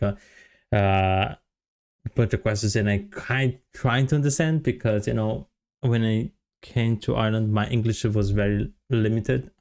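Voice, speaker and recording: This Brazilian vlogger and software developer, whose first language is Portuguese, speaks with a Brazilian Portuguese accent in a low, gravelly, darkish voice. Telling a casual story to camera, he rambles with plenty of fillers and restarts.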